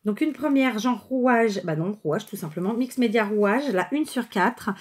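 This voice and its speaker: Casual woman vlogger showing off craft cards, breathy voice, lots of umms and restarts. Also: fairly high pitch, expressive, unhurried. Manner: chatty, rambling, many hesitations and self-corrections. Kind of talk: casual unscripted show-and-tell.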